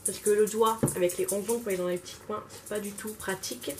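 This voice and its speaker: A woman's voice: mid-range voice, fairly even intonation, fast. Chatty woman doing her makeup on camera. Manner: chatty, self-mocking, talks while working. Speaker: beauty vlogger. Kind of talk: casual makeup tutorial chat. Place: home, at a makeup table. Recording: distant mic with clear room noise.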